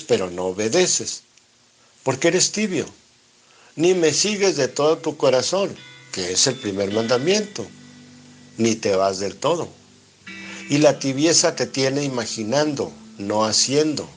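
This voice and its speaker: Mexican man preaching over soft guitar. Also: medium pitch. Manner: reads scripture aloud and explains it line by line; asks rhetorical questions and answers them. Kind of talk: bible study sermon.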